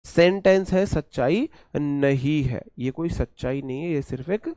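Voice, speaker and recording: A man's voice: a little high, a little slow, warm tone, dry recording, studio quality. A man with an Indian accent teaching an exam-prep English grammar lesson, repeating key points and quizzing his students.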